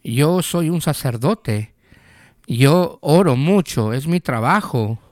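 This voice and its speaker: A preacher voicing a weary old priest. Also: male voice, fairly high pitch, animated, slow pace, darkish tone, no echo, studio quality. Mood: defensive. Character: weary older male priest, defensive.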